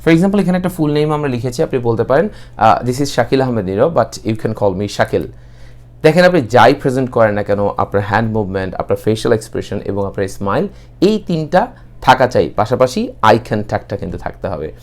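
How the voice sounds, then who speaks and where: A young man with a Bangladeshi accent teaching an English class, explaining steadily and slowing right down for model sentences. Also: mid-range voice, animated. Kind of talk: online English class, mixing Bengali and English.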